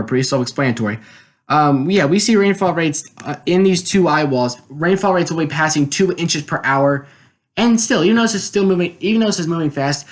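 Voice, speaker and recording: An American man giving live, explanatory weather commentary, walking through maps and radar and often checking in with short phrases. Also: fairly high pitch. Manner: explanatory, often repeats check words like "all right". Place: indoors at a computer, screen-share voice-over.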